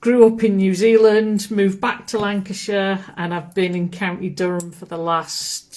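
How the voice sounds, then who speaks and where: A woman's voice: medium pitch, level tone, moderate pace, darkish tone. A woman co-hosting a live stream, chatting in a friendly, easygoing way. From England. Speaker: co-host.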